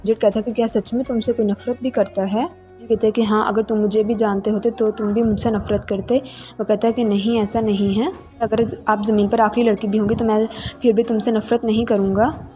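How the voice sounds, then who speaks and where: A woman narrating an episode recap of a drama, reading the characters' lines herself in an even, plain voice. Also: medium pitch, fairly quick. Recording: faint music behind voice.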